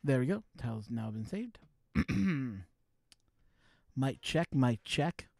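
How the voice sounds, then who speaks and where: On a casual live stream, a man chats loosely with viewers while fiddling with gear, talking into a wireless USB mic. His medium-pitched voice is expressive, creaky and a little mellow, taking it slowly, with no echo.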